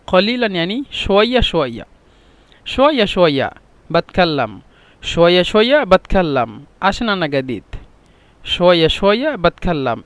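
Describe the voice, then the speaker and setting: A man's voice: sits high, a bit bright, no echo. A man teaching a language lesson, patiently repeating each phrase several times. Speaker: Arabic teacher. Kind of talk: classroom-style language lesson.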